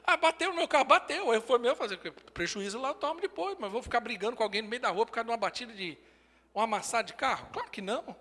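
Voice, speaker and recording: Preaching fast in a very high, expressive, slightly bright voice, a pastor in his forties speaks with a Brazilian Portuguese accent. His sermon comes in short, emphatic declarations, and long hall reverb fills the recording.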